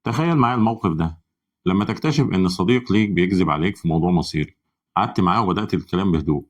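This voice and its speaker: A man with an Egyptian Arabic accent presenting a psychology channel in scripted explainer narration, with brisk, even, instructive delivery. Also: sits low.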